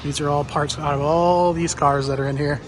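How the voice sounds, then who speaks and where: A man with a slightly high voice gives an off-the-cuff video tour of a car shop. He is blunt and offhand and swears freely. There is some background noise from the shop around him. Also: fairly even intonation, normal speed. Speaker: car shop owner giving a walkaround tour. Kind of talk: casual unscripted video tour. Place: busy car workshop, walking among cars.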